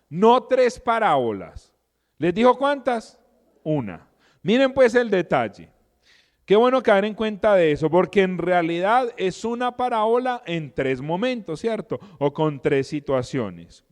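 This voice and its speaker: A middle-aged man explains scripture in a lively, conversational way, checking in with his listeners through constant rhetorical questions. His voice sits slightly high for a man, and a long reverb trails each phrase. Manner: animated, asks the listeners frequent rhetorical questions. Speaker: Bible teacher and podcast host. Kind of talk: conversational Bible teaching.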